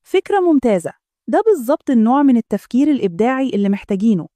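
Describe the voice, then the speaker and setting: A woman voicing a calm, kind man in his late thirties, a manager who talks quietly and gently in a spoken story. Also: on the high side, racing, dry recording, clean studio sound. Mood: approving.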